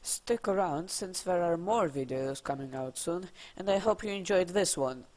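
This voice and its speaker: A person with a Russian accent narrating scripted game trivia for a video, with dry, deadpan, casual asides. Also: mid-range voice, moderate pace.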